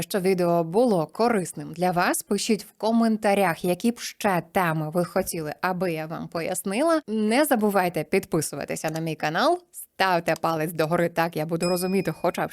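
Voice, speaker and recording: A woman teacher giving an exam-prep video lesson, speaking clearly and slowing down to stress example words. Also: on the low side. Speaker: Ukrainian language teacher.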